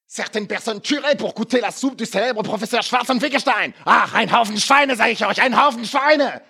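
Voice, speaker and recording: A man's voice: very high voice, normal speed, creaky, pushed and bright, husky, heavily acted. A man hamming up a pompous mad German professor. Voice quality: thick mock German accent, pompous. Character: bombastic mad German professor, male, middle-aged. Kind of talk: amateur fan dub outtakes.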